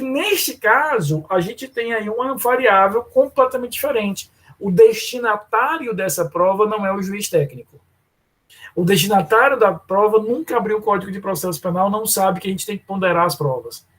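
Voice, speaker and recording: A man's voice: high-pitched, lively intonation, moderate pace, a bit bright. A man teaching law in a lecture, explaining step by step and calling on students by name. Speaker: law professor. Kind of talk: live online lecture.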